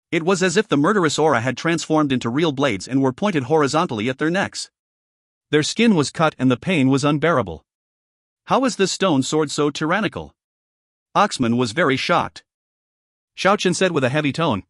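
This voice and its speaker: A man's voice: fairly high pitch, no echo, studio quality. Man narrating a fantasy audiobook. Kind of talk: scripted narration.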